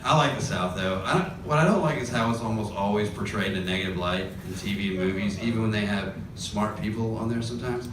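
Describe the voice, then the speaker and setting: A man from Georgia in the US doing a stand-up set, wry and chuckling through his punchlines, heard from a distance in an echoing club over loud crowd noise. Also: fairly low pitch, fast, hardly any pauses. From grew up in Georgia, US. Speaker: stand-up comedian. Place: comedy club stage. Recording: roomy club, far mic, loud crowd.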